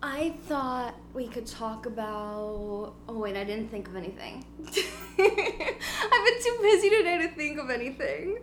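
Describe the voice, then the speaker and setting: At home before a party, this twenty-something podcast host talks in a high, very animated voice, yet at an unhurried pace. She giggles and rambles in a bubbly way, and electrical hum makes the recording noisy.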